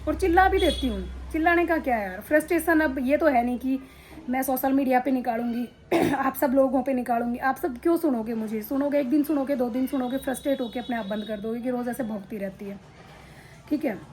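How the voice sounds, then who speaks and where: A woman's voice: high-pitched, brisk, darkish tone, slight background noise, poor audio. A middle-aged woman vlogging casually into a handheld phone at home, frank and rambling with many fillers. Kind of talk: casual talk to camera. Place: drawing room at home. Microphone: phone held in hand.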